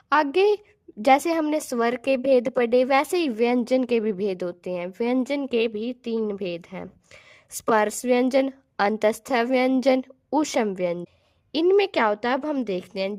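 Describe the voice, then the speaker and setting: A woman teaching a Hindi grammar lesson, explaining patiently, restating each point and slowly sounding out letters as examples. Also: on the high side, darkish tone.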